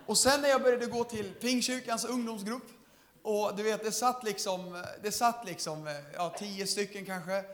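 A young man giving a lively testimony sermon, laughing often and calling out to the congregation. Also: high-pitched. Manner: lively storytelling, laughing often, shouts to the crowd. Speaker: preacher.

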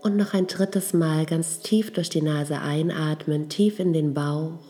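A woman leading a guided meditation, giving soft, calm instructions. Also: low voice, a little slow, faint music behind.

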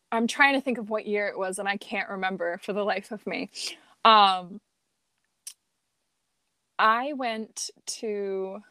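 A woman's voice: mid-range voice, bright, forceful tone, dry recording. Woman chatting casually, dry sound. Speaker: podcast guest, amateur performer and cosplayer. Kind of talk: casual chat.

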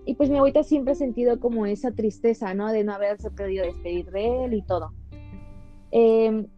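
A young woman, a podcast guest telling a personal story in an animated way, full of "o sea" and "¿no?". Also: on the high side, normal speed, lo-fi sound, faint music behind. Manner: animated, fills talk with "o sea" and "¿no?". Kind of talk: casual storytelling.

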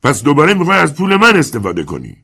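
A male narrator gives voice to a furious landowner in an audiobook, a man who has been cheated and will not keep quiet about it. The voice climbs far above the reader's own and rings loud and indignant. The tone is husky and gravelly, close to a shout throughout. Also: fairly high pitch, lively intonation, voice pushed up. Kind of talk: audiobook character voice.

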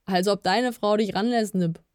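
A woman voicing a male elf who teases and jokes loudly, in a storybook reading. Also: mid-range voice, normal speed, clean tone, dry recording, clean studio sound, lightly acted. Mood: teasing. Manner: teasing, loud. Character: mocking joking male elf.

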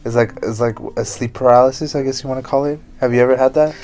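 A man's voice: medium pitch, steady tone, fast talker, mellow, soft background music. A young man co-hosting a podcast, teasing his friend and asking lots of questions in casual chat. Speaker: podcast co-host.

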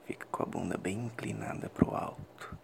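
A man with a Brazilian accent in a whispered role-play, giving intimate, slow and deliberate instructions in a breathy close whisper to an adult listener. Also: sits low.

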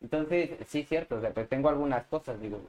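A Mexican man in his forties, talking as a guest in casual chat, profane and lively, often slipping into quick imitations of how others talk. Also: mid-range voice.

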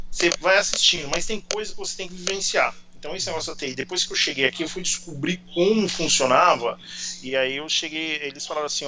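A man's voice: mid-range voice, lo-fi sound. A Brazilian man in his forties with a São Paulo accent, chatting casually as an interview guest and telling stories. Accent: São Paulo Portuguese. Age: 40s. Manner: chatty storyteller.

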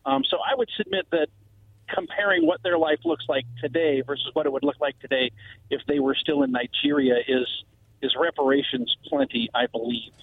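Male radio caller on a phone line, gravelly and lively in pitch, argues slowly. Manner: deliberate, argumentative, with pauses and fillers. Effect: phoned-in voice on a call-in radio show. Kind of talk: casual call-in opinion. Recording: tinny phone line with faint noise.

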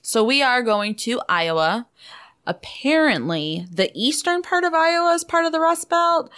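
A woman's voice: high-pitched, big pitch swings, a little slow, fairly bright tone, smooth. A woman co-hosting a podcast in casual, blunt, profane chat peppered with "like". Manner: blunt, sweary, heavy on "like". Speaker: podcast co-host.

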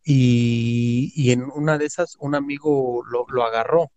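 In a relaxed chat, a man with a Mexican Spanish accent tells a story in a mellow, dark voice of ordinary pitch and at a measured pace. He uses slang and repeats words to drive his points home. The sound is dry and close, with little room around it and no echo.

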